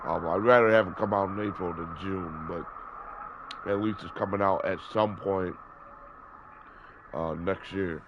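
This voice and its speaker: A thirty-something man with a cold, congested and hoarse, hosts a gaming video and chats casually about the gameplay, wandering off track, using plenty of fillers and fixing his own words. He speaks low and a little slowly, pausing often, over dull lo-fi audio with noise behind him.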